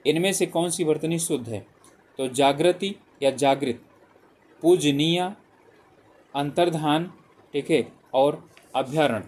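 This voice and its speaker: Slow and pausing often, the male teacher speaks on the high side with a slightly mellow quality. He steps through spelling exam questions one at a time in a multiple-choice prep lesson. His style is repetitive, reading options aloud and saying "ठीक है" over and over.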